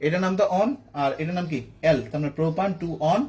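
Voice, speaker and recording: A man with a high, somewhat dark voice gives a fast-paced chemistry lecture in a classroom, leading students through the steps. He poses a question, answers it himself, then makes sure everyone is keeping up.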